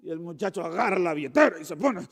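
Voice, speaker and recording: High-voiced guy preaching a sermon, lively, slows way down to hit key words, church hall echo hanging after every line. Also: gravelly, breathy edge. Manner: animated, acts out quoted voices and slows for emphasis. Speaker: pastor. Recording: long reverb of a church hall.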